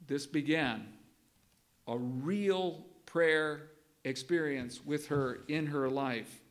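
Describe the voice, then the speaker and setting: A man's voice: on the high side, very slow. A man giving a sermon in a church, telling a story in a conversational way and reading quoted passages from a book. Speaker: preacher. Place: church sanctuary.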